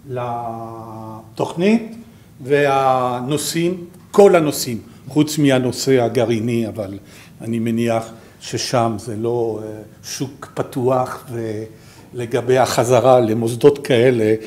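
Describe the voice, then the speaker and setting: A man with a French accent gives an informal slide presentation as a programme director, haltingly searching for his words. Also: medium pitch, dark tone.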